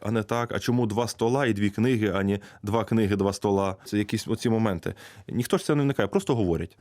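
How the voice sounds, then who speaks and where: A man with a Ukrainian accent, a language teacher answering interview questions with lively examples and comparisons. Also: mid-range voice, no room sound, clean studio sound. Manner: fast, animated explaining with examples and analogies.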